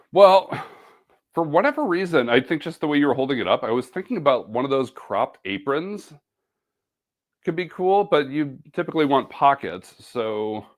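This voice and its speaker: Chatty man demoing sewing, lively pitch. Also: moderate pace. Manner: chatty, self-deprecating, hums and makes beep noises while working. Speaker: sewing ambassador. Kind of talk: live-stream sewing demo, casual chat.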